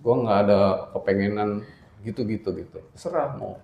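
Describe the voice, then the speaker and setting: A man's voice: lowish voice, vocal fry, muffled recording. Blunt joking man. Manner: joking, blunt, slows down to stress points. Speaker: religious study speaker. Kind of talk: casual religious talk. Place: indoor study hall. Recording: roomy hall, faint ambience.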